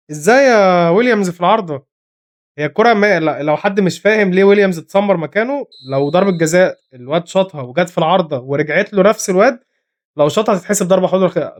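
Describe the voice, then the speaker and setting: An Egyptian gamer commentates live on his own match in Egyptian Arabic, talking very fast in a high, excitable voice. He scolds his players as he goes, and his voice is turning slightly hoarse.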